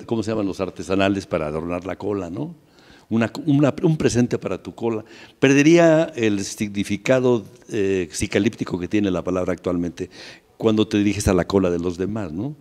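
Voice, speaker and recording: A man with a low voice and a Mexican accent muses playfully in loose studio banter, a talk show host who jokes and wanders. His voice hangs in a long studio reverb. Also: a little mellow. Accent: Mexican Spanish. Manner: playful, rambling, joking musings.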